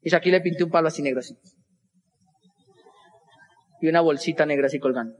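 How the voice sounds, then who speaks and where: A man's voice: fairly high pitch, big-room sound. A young man with a Colombian Spanish accent, telling a stand-up story and acting out the other voices. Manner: animated, acts out dialogue with quick voice switches. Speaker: stand-up comedian.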